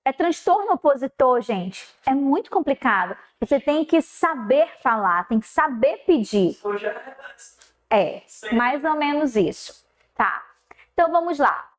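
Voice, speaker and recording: A middle-aged woman teacher, her voice sitting high. She tells a classroom story in a casual way and acts out both sides of the dialogue with sudden jumps in pitch. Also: big pitch swings, a little slow.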